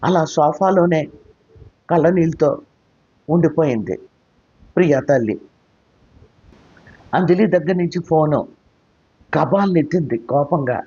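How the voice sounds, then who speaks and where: A man narrating an audio story in a calm, even storytelling manner. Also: fairly high pitch, a little slow, pauses often, husky. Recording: slightly muffled lo-fi recording.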